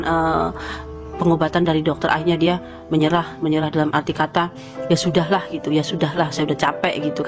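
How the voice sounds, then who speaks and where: A woman giving a personal testimony as a religious convert, speaking hesitantly with many fillers and repeated phrases. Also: lowish voice. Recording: background music under the voice.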